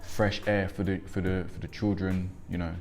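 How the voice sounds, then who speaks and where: A man's voice: low voice, little pitch movement, normal speed, faint music behind. A man in his twenties, born in Congo and raised in England, speaking reflectively with frequent ums in a documentary interview. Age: 20s. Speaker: interviewee, young father.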